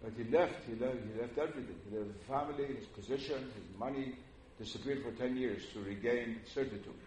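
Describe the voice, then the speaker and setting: Medium in pitch and a little mellow, this older man's voice delivers a public religious lecture to an audience in a hall. He comes from Iran, speaks Persian as his first language, and talks in a measured, earnest way with frequent "uh" pauses, in a roomy hall with faint noise.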